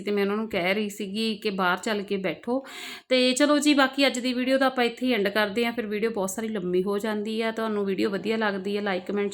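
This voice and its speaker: A young woman chats informally as she narrates a casual home vlog about everyday life. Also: mid-range voice. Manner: chatty, informal, explaining everyday chores. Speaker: family vlogger, mother. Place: at home, household noise behind. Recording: noisy home phone recording.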